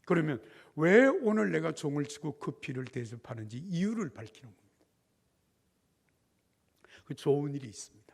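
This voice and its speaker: An older man, a pastor, telling a story in a revival sermon with lively acted dialogue. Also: on the high side, moderate pace, gravelly, long pauses.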